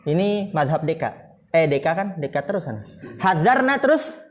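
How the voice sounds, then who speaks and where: Give me a high-pitched Indonesian man teaching a lively grammar lesson and calling on students. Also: brisk. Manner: lively, quizzes students and laughs often. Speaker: Islamic boarding school teacher. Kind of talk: classroom Arabic grammar lesson.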